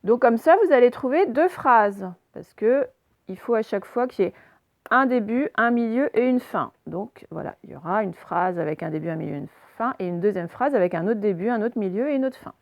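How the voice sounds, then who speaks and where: A woman teacher giving a recorded reading and spelling lesson to young children, speaking slowly and patiently and sounding out syllables and letters. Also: fairly high pitch, expressive, dry recording. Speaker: primary school teacher.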